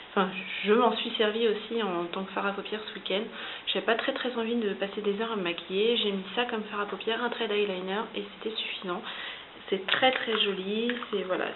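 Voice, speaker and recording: A French woman reviewing makeup in a chatty, hesitant way. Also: mid-range voice. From France. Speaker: beauty vlogger. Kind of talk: casual product review. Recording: hissy lo-fi home video, phone-like.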